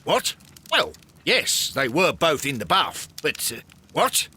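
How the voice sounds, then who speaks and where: A man's voice: on the high side, very animated, slow, bright, forceful tone, breathy edge, heavily acted. A man acting a blustering, easily flustered Victorian police inspector in a game, with an English accent and emphatic delivery. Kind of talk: video game cutscene acting.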